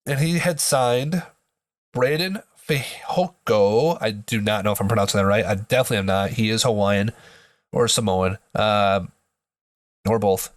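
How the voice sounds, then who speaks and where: A man's voice: lowish voice, moderate pace, no echo, studio quality. A man hosting a sports podcast in casual commentary, his voice nasal from a blocked nose, as if pinching it, with joking asides.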